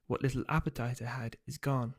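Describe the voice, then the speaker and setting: A man's voice: mid-range voice, fairly quick. Man reading his own novel. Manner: steady storytelling, loose and hesitant when speaking offhand.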